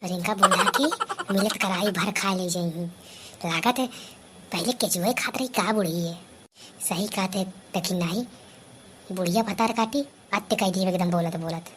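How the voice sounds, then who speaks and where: A woman's voice: fairly low pitch, normal speed, fairly bright tone. A woman with an Awadhi accent voicing a put-upon young daughter-in-law who grumbles and mocks in a cartoon comedy, with faint noise behind. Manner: grumbling, mocking asides. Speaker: comedy voice artist. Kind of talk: scripted cartoon comedy dialogue.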